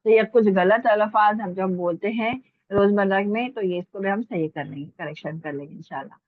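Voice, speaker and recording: A woman's voice: mid-range voice, dry recording. Woman teacher on a tinny, dry call line. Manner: patient, repeats words slowly for dictation. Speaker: Urdu teacher. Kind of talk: online language lesson. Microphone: online call.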